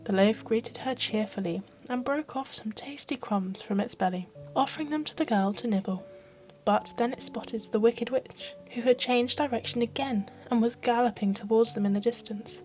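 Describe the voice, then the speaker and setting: Soft asmr lady telling a bedtime fairy tale, expressive, quiet music behind her. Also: on the high side, moderate pace. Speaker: storyteller.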